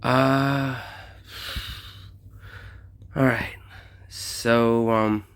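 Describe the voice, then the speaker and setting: Man, gravelly and mid-pitched, slightly winded, casual rambling game commentary. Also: steady tone, extremely slow. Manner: rambling with many ums and uhs. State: slightly out of breath. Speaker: mobile game vlogger.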